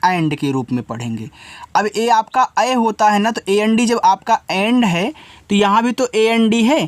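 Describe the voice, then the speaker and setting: A man giving an English lesson step by step, patiently repeating each word and its meaning and spelling letters out slowly. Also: high voice, no echo. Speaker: English teacher.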